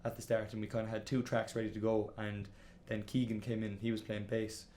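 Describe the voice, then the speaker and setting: A band's singer and guitarist, an Irish-accented man in his twenties, tells his story in a casual interview peppered with fillers like "kinda" and "like." His lowish, mellow voice barely moves in pitch and runs a little fast over a slight hiss or hum.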